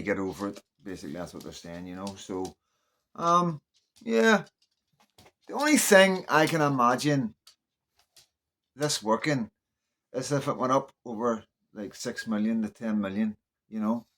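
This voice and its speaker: A man with a Northern Irish accent and a fairly low, fairly bright voice offers unscripted political commentary. He's opinionated yet casual, often checking in with the listener as he goes.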